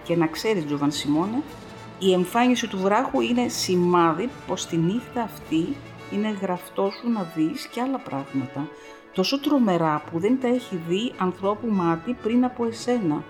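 A woman's voice: mid-range voice, animated, a little mellow, lightly acted. A woman voicing a stern man who proclaims grim visions in a solemn, thundering way, over faint music. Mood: solemn proclaiming.

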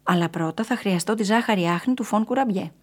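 A woman's voice: mid-range voice, lightly acted. A woman doing a stern scolding dream keeper.

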